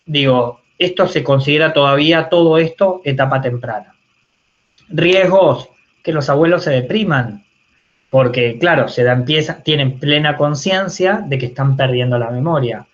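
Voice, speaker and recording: A man's voice: fairly high pitch, normal speed. A man with a Rioplatense accent teaching a university class online in a conversational way, often checking in with his students. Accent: Rioplatense Spanish. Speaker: university lecturer. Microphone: video call. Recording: muffled video call audio.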